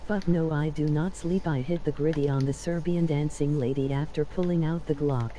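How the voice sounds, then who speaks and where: A text-to-speech voice reading out viewers' chat messages in a flat, even manner. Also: medium pitch, moderate pace, a little hiss or hum. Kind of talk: synthetic read-out of chat messages.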